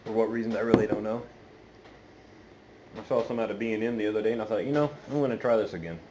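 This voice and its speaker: In a casual, unscripted chat with viewers, a pipe-smoking channel host speaks haltingly, hesitating and meandering. His voice is lowish, and the amateur phone recording is very noisy.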